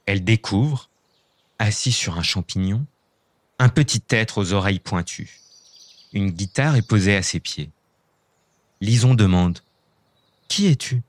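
A man reading a children's story aloud, clear and expressive. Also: fairly low pitch, unhurried, long pauses, no echo.

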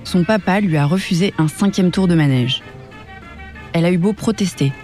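A woman narrating a children's story in a lively storytelling voice. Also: on the low side, moderate pace, faint music behind.

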